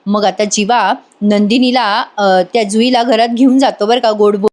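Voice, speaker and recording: A woman's voice: a little high, fairly even intonation, normal speed, a little mellow. Chatty woman narrating a serial recap. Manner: chatty storytelling with tag words. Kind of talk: voice-over episode recap.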